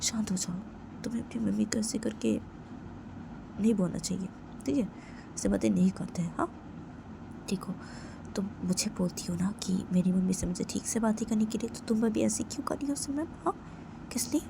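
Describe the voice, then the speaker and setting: A woman voicing a gentle young woman who soothes her partner in a soft, coaxing voice that drops near a whisper, in a homemade storytelling video. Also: mid-range voice, animated, brisk, creaky, long pauses, noisy background. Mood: soothing.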